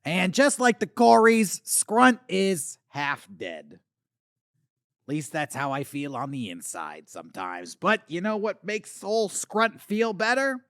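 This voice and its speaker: Man doing Scrunt, a gravelly boozy has-been alien. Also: sits high, very animated, takes it slowly, fairly bright tone, no echo, studio quality, exaggerated voice. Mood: wistful. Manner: rambling, slurry, swings between boasting and muttering. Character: washed-up male 80s alien puppet star, boozy and bitter. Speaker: talk show host character. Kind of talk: comedic character monologue.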